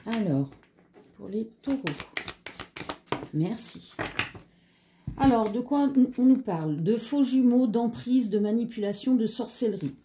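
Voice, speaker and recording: A woman's voice: fairly high pitch, measured pace, long pauses, background noise. A French-accented woman giving a casual tarot reading, hesitant with many fillers and chatty asides, a slight frog in her throat. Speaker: tarot card reader.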